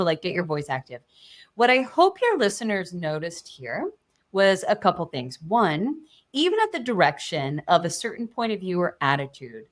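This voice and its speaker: A woman public speaking coach on a podcast, talking in an expressive, animated way and shifting her tone often. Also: medium pitch.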